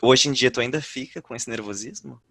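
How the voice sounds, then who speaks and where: A man hosting a podcast, asking plain, steady interview questions. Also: mid-range voice, a little fast, no echo. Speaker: podcast host.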